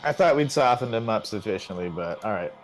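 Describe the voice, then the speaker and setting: Hesitant low-voiced man playing. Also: lively intonation, a little fast, loud music behind the voice, rough recording. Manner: hesitant, thinking aloud. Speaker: player. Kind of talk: casual game talk.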